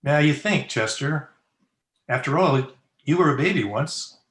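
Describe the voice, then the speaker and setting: An actor playing a crusty, teasing frontier town doctor in an old-time Western radio play, with dry, folksy banter. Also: male voice, on the high side, expressive, a little slow, fairly bright tone. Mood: wry, teasing. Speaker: actor in an amateur radio drama. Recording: roomy, echoey video-call recording.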